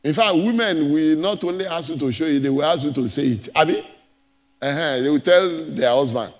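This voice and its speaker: A pastor preaching a sermon, emphatic and repetitive, moving between loud and soft passages. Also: male voice, fairly high pitch, fairly quick, big-room sound. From Nigeria. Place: church.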